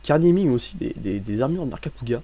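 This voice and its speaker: A man's voice: mid-range voice, lively intonation, fast, dark tone. A young man from France giving casual, joking gameplay commentary, rambling and mocking himself as he plays. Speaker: gaming commentator.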